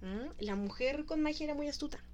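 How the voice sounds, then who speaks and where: A woman with a Mexican accent casually retelling a story to a co-host, animated and laughing often. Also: high voice, a little fast. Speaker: podcast co-host.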